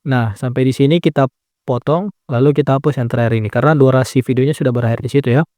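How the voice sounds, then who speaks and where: Speaking fast at a medium pitch, a man records in a clean studio with no room sound. He's a video editing tutor calmly walking through a phone edit one step at a time on screen, correcting himself frequently with a "nah."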